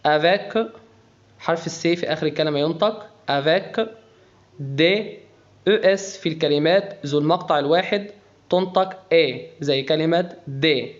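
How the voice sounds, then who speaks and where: In a slightly high voice, a man with an Egyptian Arabic accent leads a beginner French lesson at a slow pace. He splits words into their individual sounds and spells pronunciation out letter by letter, captured on lo-fi sound.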